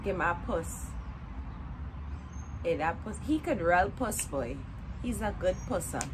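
Sitting on a porch next to greenery, a Trinidadian woman in her 20s who makes videos talks to the camera in a relaxed, playful, colloquial way. She has a lowish voice with big pitch swings at normal speed, and traffic and other outdoor noise fill the background.

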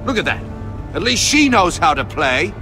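An actor playing a sadistic, pompous older supervillain in a video game, taunting with theatrical relish. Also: male voice, sits high, sing-song, moderate pace, over music. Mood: smug triumph. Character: gloating sadistic older male riddle-obsessed supervillain. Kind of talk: video game villain acting.

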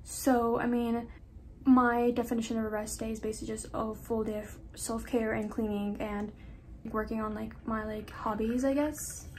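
A young woman talks through her routine in a loose, rambling way, with a slight lisp and the odd casual swear. Her voice sits a little high. A faint hiss runs under the home recording. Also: level tone, moderate pace, darkish tone, rough recording. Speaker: vlogger. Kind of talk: casual get-ready-with-me chat. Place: at home, indoors.

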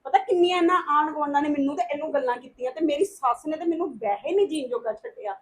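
A woman's voice: high voice, quick pace, a little hiss or hum, natural voice. A woman playing a bitter, snubbed neighbor. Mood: resentful. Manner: bitter, reproachful. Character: resentful married neighbor, feeling snubbed. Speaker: neighbor married fifteen years. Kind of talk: domestic drama acting.

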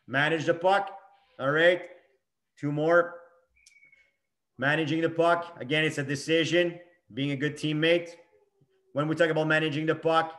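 A middle-aged man coaches hockey over game video clips, speaking in short, emphatic phrases and going back over his key points. His voice is fairly high and fairly bright.

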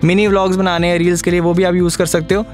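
A man's voice: high-pitched, flat delivery, very fast, soft background music. A young man in his twenties explaining gear in a chatty vlog, recorded on a phone's built-in mic in a car. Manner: chatty, explanatory, addresses viewers as friends. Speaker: vlogger. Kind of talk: casual tutorial vlog. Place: inside a moving car, then outdoors by the car.

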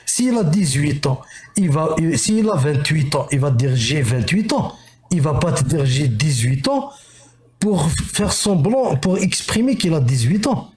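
A man's voice: on the high side, animated, measured pace, darkish tone, roomy sound. A middle-aged man in a heated live-stream debate, lecturing with scornful rhetorical questions over a video call. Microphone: headset, video call.

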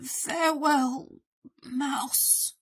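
A woman's voice: sits high, big pitch swings, unhurried, fairly bright tone, breathy edge, pitched above the performer's own voice, full character voice. A woman voicing a melodramatic, self-pitying male bear sick with a cold. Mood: mournful.

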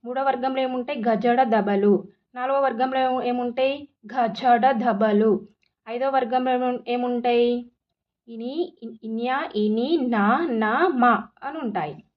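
A woman's voice: fairly high pitch, fairly even intonation, a little slow, muffled recording. A woman teacher giving an exam-prep lesson, asking questions and answering them herself, repeating key terms. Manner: repetitive drilling, asks and answers own questions.

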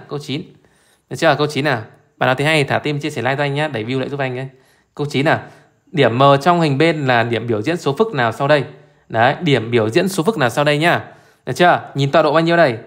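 A man's voice: on the high side, racing, a bit bright. A man teaching math as he walks through an exam live, chatty and informal, constantly repeating short check-in questions to his listeners. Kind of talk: live exam solution walkthrough.

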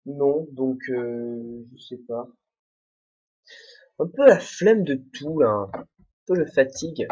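A young man's animated, mid-range voice, darkish and slightly rough, moves slowly with frequent pauses as he hosts a casual let's play. Self-mocking and rambling, he mostly talks to himself; the desk-mic home recording, made without headphones, sounds dull and muffled.

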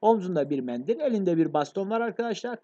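A man's voice: high-pitched, animated, dark tone, lo-fi sound. A man teaching an exam review lecture on literature, addressing his students directly and often checking that they follow. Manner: fast, addresses students as friends, frequent checks.

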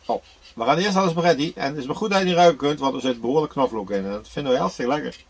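A husky, fairly high male voice rattles along very fast as a sixty-something man records a casual travel vlog about his camper trip. He's relaxed and full of fillers and restarts, with the handheld camera at arm's length, first inside the van and later out by a river.

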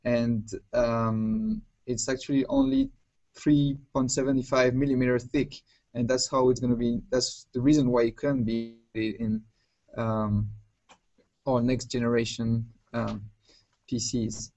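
Slow, halting male presenter. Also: mid-range voice, darkish tone, highs cut off. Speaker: technical presenter. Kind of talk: unscripted technical presentation.

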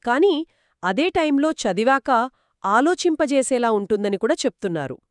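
A woman's voice: on the high side, dry recording, studio quality. A woman co-hosting a book discussion podcast, explaining and summing up reader reviews. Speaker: podcast co-host.

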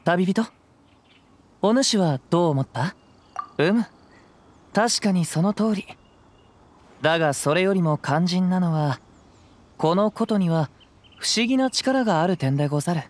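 A male actor playing a gentle, poetic young wandering samurai in a video game, speaking calm, measured, old-fashioned samurai Japanese. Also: sits high. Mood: calm, reflective. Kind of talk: scripted game dialogue. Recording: clean voice over background music.

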